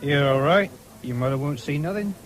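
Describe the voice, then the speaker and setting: A man with a fairly high, expressive, near-everyday voice speaks fairly quickly, playing a relaxed, free-spending young countryman with a rural English accent in a 1970s radio drama. He teases and hesitates in dialect, with crowd noise and fairground din on a noisy old radio broadcast.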